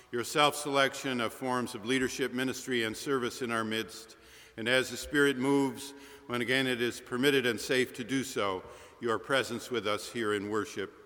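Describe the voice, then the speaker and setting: Minister with cathedral echo, bright voice. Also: male voice, medium pitch. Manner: measured, solemn. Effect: cathedral echo of an empty church nave. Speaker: minister leading worship. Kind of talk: formal liturgical reading. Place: empty church sanctuary. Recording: long hall reverb in empty church.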